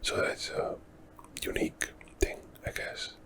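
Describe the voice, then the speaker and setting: In an unhurried, unvoiced whisper, this man thinks aloud with plenty of fillers as he guides listeners through a calm ASMR history tour. He is Dutch, from the Netherlands, speaks Dutch natively, and runs an ASMR history channel.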